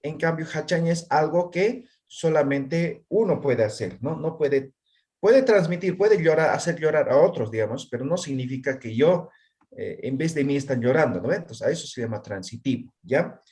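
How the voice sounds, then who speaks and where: This male teacher's voice is on the high side, animated and a little mellow, moving at a moderate pace. Quizzing his online language class, he checks again and again that students understand, leaning on tag questions.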